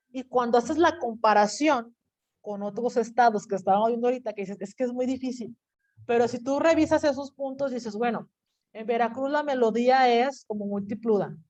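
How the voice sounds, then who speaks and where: A woman teacher, giving a lively classroom lecture and acting out what students might say. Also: on the high side. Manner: animated, acts out student quotes. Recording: dull lo-fi classroom recording.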